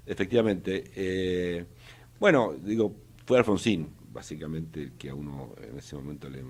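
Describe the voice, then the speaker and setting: A man's voice: low voice, husky. An older man from Argentina with an Argentine accent, an economist answering interview questions in a hesitant way, with many fillers and restarts. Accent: Argentine Spanish. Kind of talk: casual interview talk.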